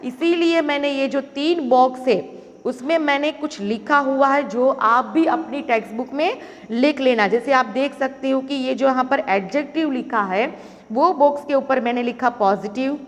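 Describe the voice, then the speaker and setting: A woman's voice: high-pitched, measured pace. A young woman teaching a grammar lesson to primary school children, explaining patiently step by step. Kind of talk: recorded video lesson in Hindi-English mix. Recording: long reverberant room sound.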